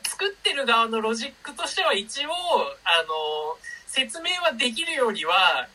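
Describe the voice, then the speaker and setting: A podcast panelist with a bright, animated voice who keeps nodding along with short agreeing sounds. Now and then the speaker breaks in with a point of their own in the casual chat. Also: mid-range voice, unhurried, recorded from a distance, poor audio. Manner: frequent short agreeing backchannels. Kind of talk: casual chat about a film.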